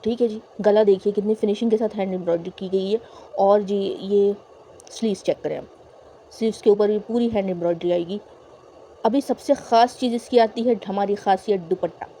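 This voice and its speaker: A woman's voice: mid-range voice, fairly quick, warm tone, a little hiss or hum. A woman who runs a boutique and works as a lecturer, walking viewers through designer outfits in a chatty sales style full of fillers. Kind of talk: product showcase talk.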